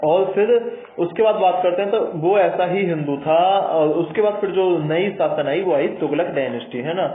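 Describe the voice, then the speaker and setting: A man's voice: sits high, normal speed. A man giving a casual history lecture for exam prep, chatty and repetitive, often checking in with his listeners. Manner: chatty, repeats points and says "ठीक है" often. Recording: tinny, echoey room sound.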